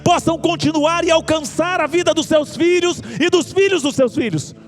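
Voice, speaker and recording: A pastor preaching a sermon in an earnest way, slowing down and pausing for emphasis. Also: male voice, very high-pitched. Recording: faint music underneath.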